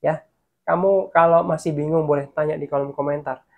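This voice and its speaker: Gravelly guy preaching, fairly high voice, gets loud when he prays. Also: a little fast. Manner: lively preaching, swells loud in prayer. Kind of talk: online sermon and prayer.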